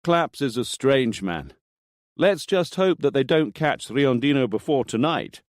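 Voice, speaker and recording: A man's voice: mid-range voice, expressive, a little slow, no echo, studio quality, voice pushed up, lightly acted. A man voicing a brash, cynical male TV producer who talks pushily and emphatically. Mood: pushy.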